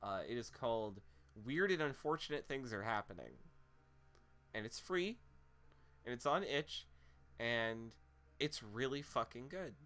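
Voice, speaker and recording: A man's voice: medium pitch, lively intonation, measured pace, pauses often, a bit bright. A man hosting a live tabletop game stream, chatting casually and joking at his own expense. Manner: self-mocking, joking. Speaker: stream host. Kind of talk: casual chat among tabletop players.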